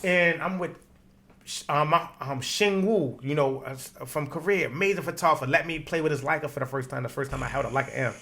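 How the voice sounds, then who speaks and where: A man with a Baltimore accent telling stories casually as an interview guest, in slangy, unfiltered, animated speech. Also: a little high, fairly quick. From Baltimore, United States. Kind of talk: casual conversational storytelling.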